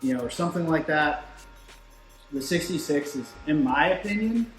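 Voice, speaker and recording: A man's voice: a little high, lively intonation, moderate pace. A man in casual, explanatory technical shop talk, speaking conversationally as a product expert, with machines running behind him. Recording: roomy echo, music, machinery behind. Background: shop machines running in the background.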